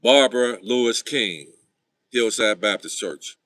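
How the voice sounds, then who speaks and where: A man hosting a livestream, talking straight to his viewers in an animated, casual way. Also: medium pitch, unhurried, rough recording. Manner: animated, talks to viewers directly. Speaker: livestream host.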